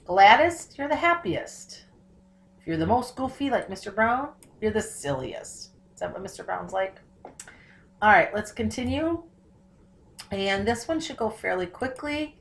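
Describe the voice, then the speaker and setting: A woman teacher giving a recorded phonics tutorial, slowing down to sound out words and spelling patterns, then answering her own questions. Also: mid-range voice, sing-song, vocal fry. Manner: slows down and stretches words to model spelling and syllables; asks questions and answers them herself.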